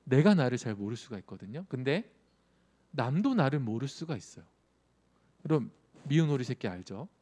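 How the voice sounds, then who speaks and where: A youth pastor delivers a sermon in a chatty, conversational style, frequently asking his listeners questions. His voice is medium-pitched and warm, with wide swings in pitch and a moderate pace.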